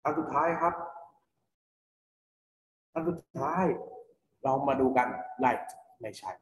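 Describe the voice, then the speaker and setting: Thai-accented male teacher, slow and patient phonics lesson, roomy reverb. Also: mid-range voice. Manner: patient, spells words letter by letter, asks and answers own questions. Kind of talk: online English phonics lesson for children. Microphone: computer mic for online class. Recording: echoey, reverberant room.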